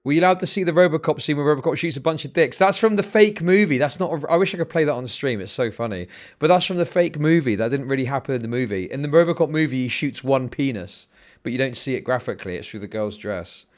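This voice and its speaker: A man's voice: mid-range voice, expressive, quick pace. A man hosting a livestream, telling rambling, profane stories in casual chat that build into exasperated rants. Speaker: livestream host.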